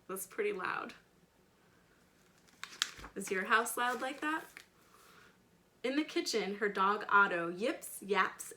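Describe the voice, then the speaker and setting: With a mid-range voice that sounds pushed and bright, this storytime reader shares a picture book with children, emphasizing key words. She's a children's educator who chats with her young audience, asking them questions in plain, simple terms.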